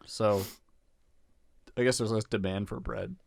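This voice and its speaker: A man's voice: lowish voice, fairly even intonation, measured pace, creaky, no echo. Joking cartoonist guest man, dry studio. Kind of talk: casual podcast chat. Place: podcast studio.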